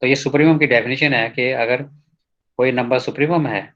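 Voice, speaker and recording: During a recorded lecture on a math proof, a man reads the textbook slowly and then unpacks it in casual Hindi with English terms, checking in often with "ठीक है". He has a medium pitch, fairly even intonation and a slightly bright voice, heard through a muffled recording.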